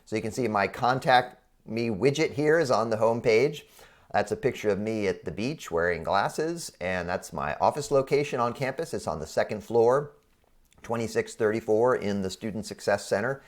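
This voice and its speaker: Low, froggy-voiced male professor. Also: lively intonation, moderate pace. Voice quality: froggy, congested throat. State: under the weather with a frog in the throat. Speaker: college professor. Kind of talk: explanatory screen-share walkthrough for online students.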